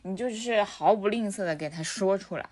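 A woman chatting casually, explaining her points with examples in an animated way. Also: medium pitch, fairly quick. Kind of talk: casual chat.

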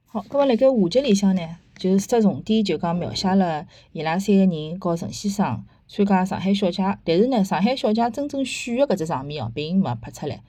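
Casting: Shanghainese-accented woman, casual review host, opinionated chat, dark soft-edged tone, very dry close sound. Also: lowish voice, no room sound. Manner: conversational, opinionated, with rhetorical tag questions. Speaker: host of a book and theatre review podcast.

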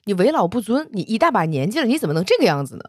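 A woman's voice: mid-range voice, sing-song, rapid-fire, darkish tone, breathy edge, dry recording, studio quality, voice pushed up. A woman voicing a stubborn, tearful young male dragon prince in a told story, sounding whiny and indignant. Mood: flustered indignant.

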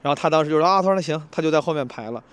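A man telling a story in a casual monologue, animated and self-mocking, with frequent restarts and English phrases mixed in. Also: a little high, clear, resonant tone. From China. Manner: fast, restless retelling with many restarts. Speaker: comedian telling a travel story.

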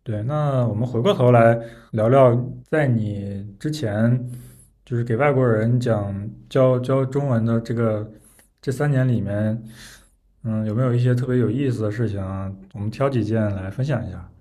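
A man's voice: mid-range voice, moderate pace, dark tone. A man speaking as the host of a casual interview, asking questions conversationally.

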